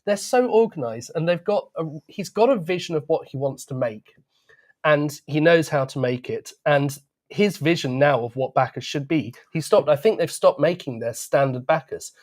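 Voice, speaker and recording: A man's voice: fairly high pitch, lively intonation, normal speed, a little mellow. A man speaking for a wine club, explaining wines in an enthusiastic, conversational way.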